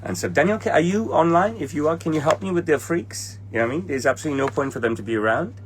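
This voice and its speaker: A Hong Kong tailor in his forties answers livestream viewers bluntly and impatiently, even swearing at commenters, in Hong Kong English. His fairly high voice is expressive and very fast. He sits in an indoor room with trophies behind him, with slight background noise.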